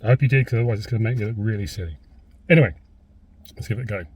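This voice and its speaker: Sitting in a car, a British man with a slightly husky, lowish voice rambles through a casual food review to camera, hesitating as he goes. He races along, sounding a little mellow, with slight background noise.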